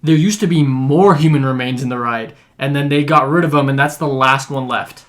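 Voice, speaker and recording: A young man co-hosting a casual podcast, cracking quick jokes. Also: medium pitch. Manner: joking, quick wisecracks. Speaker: podcast co-host. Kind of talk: casual chat.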